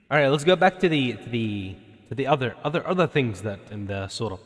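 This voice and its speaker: A man's voice: medium pitch, expressive, normal speed, big-room sound. A man streaming as a VTuber, chatting casually with his viewers as he explains Quran verses. He rambles, restarts his sentences and laughs often.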